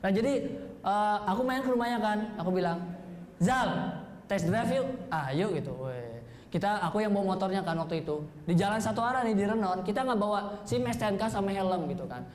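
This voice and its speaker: A man's voice: high voice, expressive, fast talker, darkish tone. A young man from Bali doing a stand-up comedy set, telling stories and acting out the voices of people in them. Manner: storytelling, acting out quoted voices. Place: comedy stage indoors. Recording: roomy stage echo.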